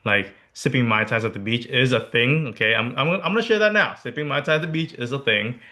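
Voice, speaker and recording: A young man from Hawaii in his twenties, co-hosting a casual podcast chat. His voice is bright and forward. He talks candidly, jokes freely and repeats his points for emphasis. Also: medium pitch, lively intonation, fast. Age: 20s. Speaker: podcast co-host.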